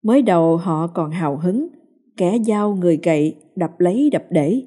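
A woman reading a ghost story in a steady, dramatic storytelling manner. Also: lowish voice, moderate pace, husky. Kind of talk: scripted ghost story narration. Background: soft music.

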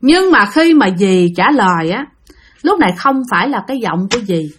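A woman's voice: mid-range voice, big pitch swings, normal speed, slightly rough. A woman telling ghost stories in a chatty, vivid way, addressing her listeners directly. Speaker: storyteller. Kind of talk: casual spooky storytelling narration.

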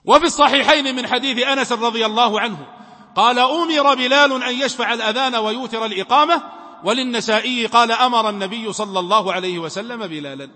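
High bright-voiced sheikh teaching. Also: male voice, fast talker. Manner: emphatic, poses questions to students and answers them. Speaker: sheikh teaching Islamic law. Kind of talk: religious lesson. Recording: long reverb from a hall.

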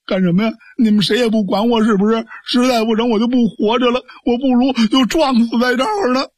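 A man's voice: very high voice, brisk, slightly rough, dry recording, voice pushed up. A man voicing a simple-minded young man who whines and pleads tearfully. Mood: whining. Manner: pleading, tearful, childish whining. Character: whiny simple-minded young man, bullied little brother.

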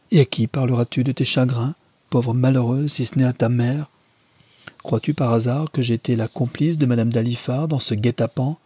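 A man's voice: medium pitch, mellow, breathy edge, no room sound, lightly acted. A man reading a novel aloud, voicing a domineering, indignant middle-aged mother who lectures with emphatic rhetorical questions.

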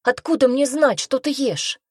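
A woman's voice: medium pitch, animated, normal speed, dry recording, clean studio sound, pitched above the performer's own voice, natural voice. A woman reading an audiobook aloud, voicing an anxious and stubborn young village girl who pleads and insists. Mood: insistent, worried.

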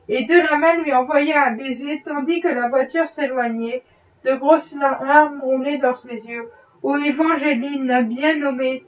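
A woman reading a classic novel aloud in an even, measured way. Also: high voice, far from the mic, highs cut off. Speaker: audiobook reader. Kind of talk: novel narration.

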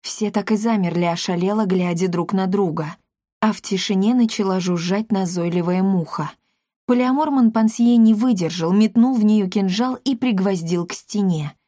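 A woman narrating a children's storybook in a lively, expressive way. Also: medium pitch, moderate pace, no room sound, studio quality. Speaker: audiobook narrator.

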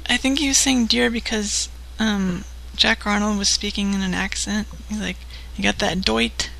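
A woman hosting a late-night stream in casual, loosely thrown-together chat. Her pitch is mid-range with a lot of vocal fry. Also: fairly even intonation, normal speed, a bit bright, low-quality recording. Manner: loose, unprepared, chatty. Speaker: host.

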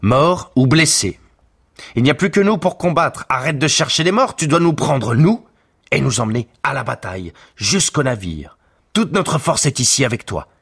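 A man voicing a desperate male Trojan prince who shouts insistently in battle. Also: mid-range voice, very animated, normal speed, husky, pitched above the performer's own voice, full character voice.

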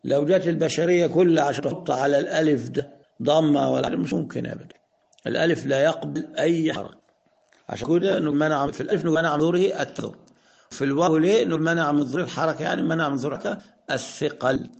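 A man with an Egyptian accent teaches Arabic grammar in a rough, gravelly voice that sits a little high for a man. He asks his own questions and answers them. He slows down to spell out each example sentence. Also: darkish tone, muffled recording. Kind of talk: explanatory lesson.

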